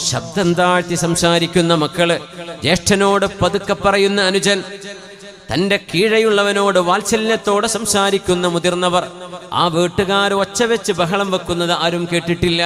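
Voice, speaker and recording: A man's voice: high voice, a bit bright. A male Islamic preacher, giving a sermon in a conversational, questioning way and chanting short Arabic phrases in a melodic tone. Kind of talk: Malayalam religious sermon. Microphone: microphone.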